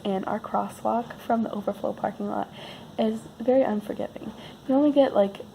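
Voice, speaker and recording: A woman's voice: mid-range voice, creaky, mellow, a little hiss or hum, low-quality recording. A woman vlogger who sounds sick and losing her voice, telling a casual, rambling personal story with wry, self-deprecating understatement.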